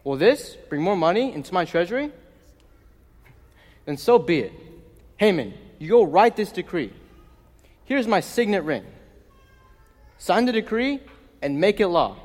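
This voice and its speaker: Man playing vain proud king, boastful, commanding, lively pitch, echoing hall. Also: heavily acted. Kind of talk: amateur stage play acting. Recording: long hall reverb.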